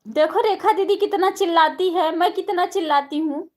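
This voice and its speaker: High-voiced chatty woman live-streaming. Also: normal speed, darkish tone. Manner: chatty, greets viewers by name, does chores while talking. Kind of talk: casual live-stream chat.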